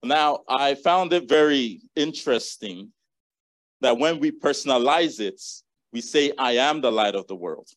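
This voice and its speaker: A man's voice: medium pitch, animated, measured pace, no echo. Man preaching an earnest sermon. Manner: earnest preaching, reading and repeating scripture verses.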